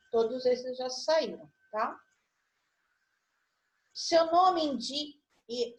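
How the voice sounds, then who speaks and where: A Brazilian woman teacher with a slightly high voice, taking her time over every word. She walks young children through a word puzzle in an online lesson, spelling out syllables and clues one by one. She sounds patient and methodical. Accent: Brazilian Portuguese. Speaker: primary school teacher.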